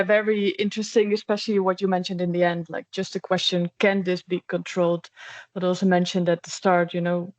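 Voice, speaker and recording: A woman moderating a webinar, introducing speakers with halting fillers. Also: lowish voice, no echo. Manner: halting, with many "uh"s.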